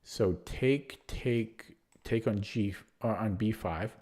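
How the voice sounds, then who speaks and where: Streaming a chess game online, this man talks through each move in a slow, lowish, slightly mellow voice. His live commentary is hesitant and self-mocking, peppered with fillers.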